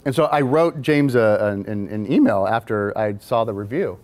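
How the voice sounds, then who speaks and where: A man's voice: on the low side, animated, moderate pace, a little mellow. A man, a film director, casually telling an anecdote in a rambling way with frequent restarts. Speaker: music video and film director, guest.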